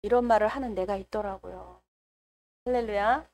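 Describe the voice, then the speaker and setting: Woman, preacher, fervent sermon, frequent hallelujahs, high voice, very animated pitch. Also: normal speed. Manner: fervent, calls out hallelujah often. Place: church service.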